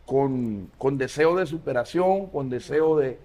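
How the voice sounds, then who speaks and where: A man in his forties, a pastor, telling his life story as an interview guest with many pauses and fillers. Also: medium pitch, mellow. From Honduras. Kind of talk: casual interview.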